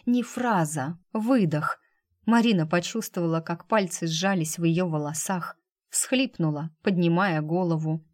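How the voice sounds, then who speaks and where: Audiobook reader: woman, lowish voice, measured and dramatic, close dry recording. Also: a little mellow, no echo. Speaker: audiobook narrator. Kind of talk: scripted narration.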